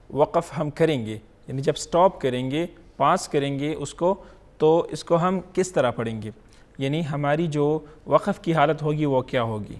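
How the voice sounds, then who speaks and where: A man teaching Quran recitation in an online lesson, drawing out each letter sound slowly and checking in often with short questions. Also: on the high side, darkish tone.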